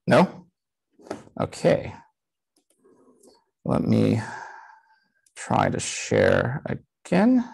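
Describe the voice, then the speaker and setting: A man's voice: fairly low pitch, huge pitch swings, drawn-out words, vocal fry, pauses often, darkish tone, husky, low-quality recording. A man in his thirties giving a casual conference talk over a video call while live coding, talking through a headset with frequent "um" fillers. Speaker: conference speaker.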